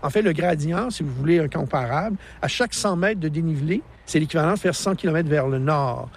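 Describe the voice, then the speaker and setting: A man's voice: fairly high pitch, a little fast, husky. Québécois naturalist in his sixties. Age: 60s. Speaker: park naturalist and educator. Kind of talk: outdoor interview. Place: outdoors in a national park.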